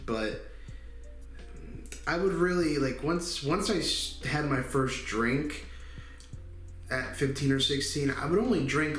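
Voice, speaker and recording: A man in his twenties talking candidly in a personal vlog, halting often with fillers. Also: mid-range voice, a bit bright. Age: 20s. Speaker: channel host. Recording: echoey room.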